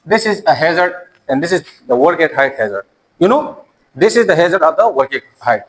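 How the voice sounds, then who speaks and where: A man's voice: a little high, big pitch swings, brisk, low-quality recording. A man, an Urdu speaker, teaching a classroom lecture and often repeating and restarting his words.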